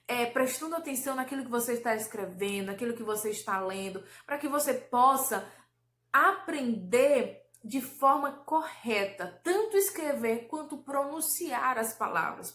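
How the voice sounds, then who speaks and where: Lady teacher with a high bright voice, stretches out syllables real slow, patient. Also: roomy sound, a little hiss or hum. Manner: slow, drawn-out syllable pronunciation, patient and explanatory. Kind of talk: recorded Portuguese lesson for children.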